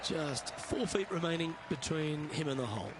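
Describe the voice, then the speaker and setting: Guy doing game golf commentator, higher male voice, measured short calls, outdoor noise behind him. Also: lively intonation, crowd noise, lightly acted. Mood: composed, observant. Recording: clear outdoor background noise.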